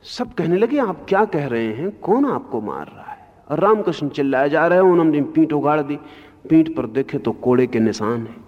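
Man giving a slow, emphatic discourse. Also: fairly high pitch, darkish tone. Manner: slow, emphatic, rises sharply on key points. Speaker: spiritual teacher giving a discourse. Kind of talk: Hindi spiritual discourse. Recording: lo-fi archival recording in a long-reverb hall.

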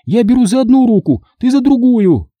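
A man's voice: very high-pitched, big pitch swings, moderate pace, no room sound, muffled recording, voice pushed up. Man doing a bossy, frightened teenage girl. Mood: urgent.

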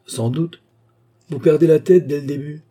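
A man voicing a calm, disdainful, scheming captain in an audiobook, speaking coolly and with command. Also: on the high side, normal speed, husky, pitched above the performer's own voice. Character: cold, scheming male adventurer captain.

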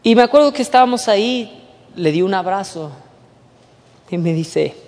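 Mexican guy preaching, hushed then emphatic, lively swinging pitch. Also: moderate pace. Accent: Mexican Spanish. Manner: soft, hushed storytelling that rises to emphatic preaching. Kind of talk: sermon with personal testimony. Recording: long hall reverb.

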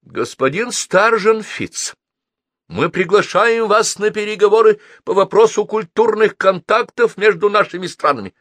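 A bossy, energetic grandmother, as a male reader puts her on, her raised, shouting voice pitched well above his own. She insists loudly and never backs down in this audiobook story. The recording is dry and close. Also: unhurried, no echo, exaggerated voice. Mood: insistent.

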